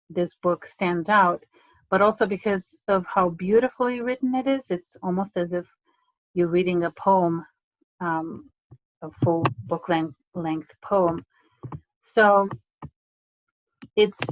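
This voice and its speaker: A middle-aged woman from Romania gives an online lecture from a slide presentation. Her voice sits fairly low and the recording is dry and close to the computer mic. She speaks in a measured, hesitant way, often pausing on fillers. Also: dry recording, poor audio. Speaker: English lecturer.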